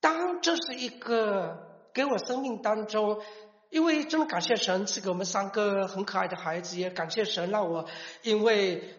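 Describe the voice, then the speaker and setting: A middle-aged man gives a personal testimony as a father, halting and restarting words as he tells the story. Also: high voice, fairly bright tone. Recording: echoey hall, dull lo-fi sound.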